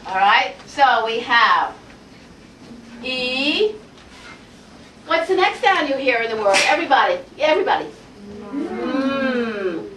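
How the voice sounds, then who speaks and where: High-voiced woman teaching a classroom lesson. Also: fast talker, few pauses, slight background noise. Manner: energetic, coaxing, asks the class many questions. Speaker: Hebrew teacher. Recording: roomy classroom audio from far off.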